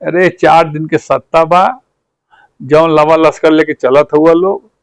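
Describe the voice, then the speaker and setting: A man's voice: on the high side, steady tone, unhurried, gravelly, clean tone, no echo, low-quality recording. A man with a Bhojpuri accent, a party leader speaking in a political interview, fiery and rhetorical, repeating phrases for emphasis.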